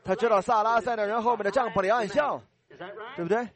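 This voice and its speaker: Man, preacher, high voice, earnest pleading sermon, altar call, repeated blessings. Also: steady tone, fast talker, a crowd in the background.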